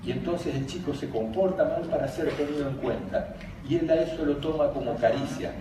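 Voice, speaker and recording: A man's voice: fairly high pitch, fairly quick. An older man with an Argentine Spanish accent gives a conference talk. He tells funny stories and laughs as he speaks. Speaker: speaker on emotional education, former teacher. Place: large conference hall. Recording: very echoey hall, distant, background noise.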